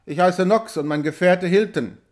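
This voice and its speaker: A man's voice: sits high, moderate pace, a little mellow, natural voice. A man voicing a swindler posing as a trapper, talking eagerly and ingratiatingly.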